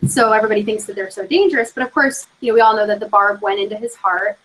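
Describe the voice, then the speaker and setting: A woman co-hosting a podcast, chatting casually and fast, with lots of "like" and "you know". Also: mid-range voice, fairly even intonation, fairly bright tone, a little hiss or hum, rough recording. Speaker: podcast co-host. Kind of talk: casual chat.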